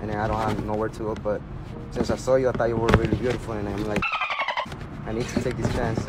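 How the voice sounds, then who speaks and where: A man's voice: fairly low pitch, level tone, fast talker, very noisy. A young man from Guatemala who hosts a street prank, talking in a rambling, pleading way full of fillers, outdoors on a city street. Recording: music playing over street audio.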